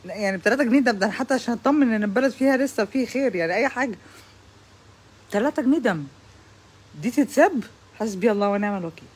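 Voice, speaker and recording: A young woman with an Egyptian accent delivering an exasperated comic stand-up monologue, with loud outbursts of complaint. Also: on the high side, expressive, racing, pauses often, husky. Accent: Egyptian Arabic. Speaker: comedian.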